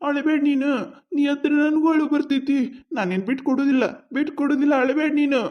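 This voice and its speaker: A henpecked village husband in a cartoon comedy, voiced by a woman, talking fast in a high voice with a North Karnataka Kannada accent. He keeps pleading and trying to calm everyone down. The recording sounds dull and lo-fi. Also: slight background noise, lightly acted. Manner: pleading and placating. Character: henpecked village husband caught between two women.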